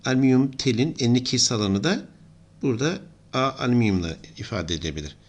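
A man's voice: medium pitch, animated, fast talker. A middle-aged man giving an engineering lesson, explaining steadily and thinking aloud as he writes. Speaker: engineering lecturer. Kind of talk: whiteboard lesson.

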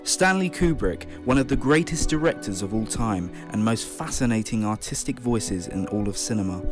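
Guy with a lowish voice reading a scripted video report, soft music under it. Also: lively intonation, normal speed. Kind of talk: scripted documentary narration.

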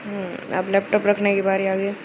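A woman's voice: mid-range voice, normal speed. A woman hosting a gameplay video, giving chatty, casual commentary as she plays and often addressing her viewers as guys. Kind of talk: casual let's-play commentary. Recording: steady background noise.

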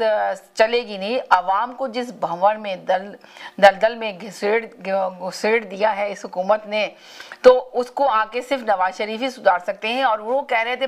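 A woman hosting a live call-in talk show, speaking, often repeating and restarting phrases as she urges callers to choose their words politely. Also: mid-range voice.

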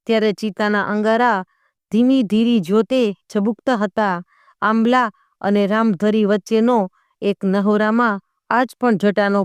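A woman narrating an old folk tale in a measured, expressive storytelling manner. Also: mid-range voice, clear, resonant tone, dry recording, studio quality.

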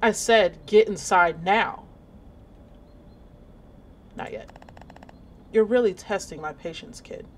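A woman's voice: medium pitch, slow, long pauses. A woman voicing a strict, scolding asylum nurse in a horror game, with a cold, commanding manner. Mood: stern.

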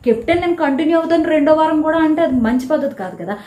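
A woman giving a casual, animated recap of a reality show episode, telling who quarreled with whom. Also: high voice, quick pace. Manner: chatty, animated retelling of quarrels. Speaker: show reviewer. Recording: echoey room.

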